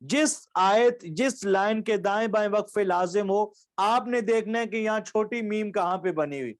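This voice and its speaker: A man from Pakistan with a fairly high voice teaches Quranic recitation in an online lecture. He explains patiently, going over each rule again with simple examples. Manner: patient, repeats key points and examples.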